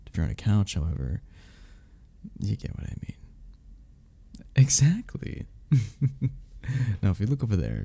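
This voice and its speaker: Speaking one-sidedly in an ASMR romance roleplay, a man portrays a flirty, friendly male cuddle club member showing someone new around. His deep voice is breathy, gravelly, mellow and exaggerated. He teases, reassures, and chuckles between phrases.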